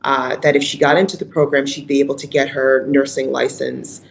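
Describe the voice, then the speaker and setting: A woman from Rochester, New York, giving an earnest, measured and reflective talk as a guest speaker at a virtual conference. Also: extremely low pitch, flat delivery, gravelly, slight background noise, poor audio. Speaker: guest speaker, mayor's chief of staff. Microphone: video call.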